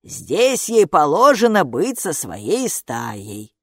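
A woman reading an audiobook and voicing a stern underground gatekeeper woman who speaks slowly and grumbles. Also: deep voice, very animated, breathy edge, dry recording, clean studio sound, full character voice. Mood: grumbling. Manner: slow, grumbling, deliberate.

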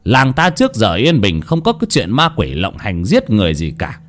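A man's voice: lowish voice, sing-song, moderate pace. A man voicing a stern older village chief who scolds and lectures the villagers with authority. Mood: lecturing.

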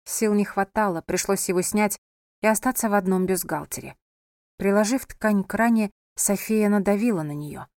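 A woman narrating a novel in a measured, even storytelling voice. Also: mid-range voice, no echo, clean studio sound. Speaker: audiobook narrator.

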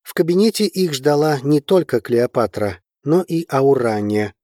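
Male narrator, mid pitch, slow unhurried audiobook reading, dry studio sound. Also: no echo. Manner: steady, unhurried storytelling. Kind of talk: scripted narration.

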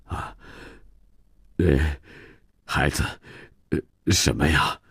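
A man's voice: deep voice, lively intonation, very slow, no echo, clean studio sound, full character voice. A man voicing an ashamed, drunken middle-aged father who mumbles and pleads hesitantly. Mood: pleading.

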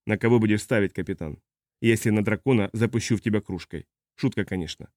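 A man voicing a huge, drunk male navigator who talks low and quietly menacing. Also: fast, no room sound, clean studio sound, close to an everyday voice. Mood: drunken jovial. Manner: low, slurred, quietly threatening.

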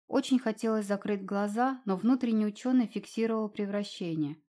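A woman narrating a fantasy novel chapter in a measured, expressive storytelling voice. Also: mid-range voice. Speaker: audiobook narrator. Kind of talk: scripted narration.

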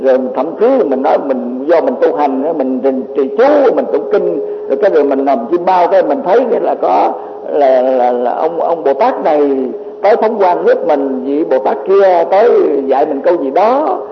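A high-pitched man lectures as a Buddhist monk, teaching his listeners and posing rhetorical questions. His voice rings in a roomy hall with a long reverb tail. The recording is dull and lo-fi, with a faint hiss behind it. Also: animated, moderate pace, few pauses. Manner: rhetorical questions, many repeated filler words.

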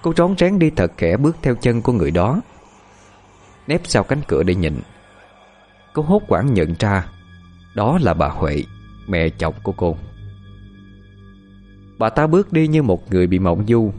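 A man giving steady, scripted narration of a ghost story. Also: fairly low pitch, unhurried, pauses often, faint music behind.

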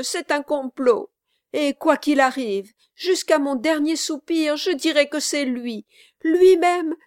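A woman's voice: high-pitched, dry recording, clean studio sound, voice pushed up. A woman doing a desperate honest young servant. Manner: pleading, anguished, loud.

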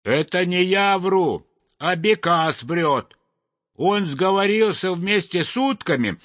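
A man voicing a cheeky male sparrow thief in a storybook reading, quick and defensive. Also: high-pitched, lively intonation, fairly bright tone, dry recording, voice pushed up, exaggerated voice. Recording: dull dry lo-fi recording.

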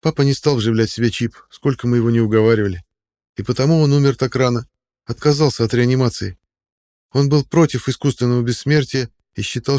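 An earnest young man speaking plainly to a friend, played by a male storybook narrator. The voice is lifted a little above the reader's deep register and recorded dry and close. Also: darkish tone, dry recording, close to an everyday voice.

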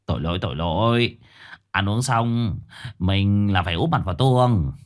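A man's voice: on the low side, animated, normal speed, close to an everyday voice. A man voicing a weary, tipsy middle-aged male master who scolds in a slurred voice. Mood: smug.

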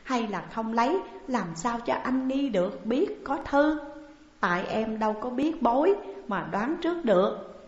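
A woman's voice: a little high, expressive, a little slow, a little mellow, pitched above the performer's own voice. A woman voicing a tearful younger sworn brother who pleads with his elder in an audiobook story. The recording is dull and echoey. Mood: tearful pleading. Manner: weeping, imploring, emotional.

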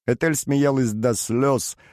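A man reading a novel aloud as an audiobook narrator, measured and even. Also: medium pitch, no room sound, clean studio sound.

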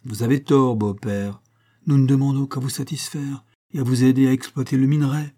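A man's voice: medium pitch, fairly even intonation, fairly quick, mellow, voice pushed up, natural voice. A man reading aloud voicing a sly, easy-going young husband who teases his father-in-law. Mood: sly, lively. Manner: easy-going, phlegmatic, mocking.

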